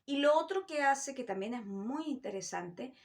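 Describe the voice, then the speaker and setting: A woman's voice: sits high, lively intonation, moderate pace. A middle-aged woman, teaching a vocal technique lesson and demonstrating sounds as she explains. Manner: demonstrative, with sung vowel and animal-sound examples. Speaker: voice coach.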